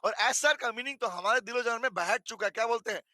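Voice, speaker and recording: A man's voice: very high-pitched, quick pace, bright, forceful tone, dry recording. A man with an Indian accent teaching a live online class, chatty and teasing his students, with a sore throat. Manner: chatty, teasing, mixes Hindi and English.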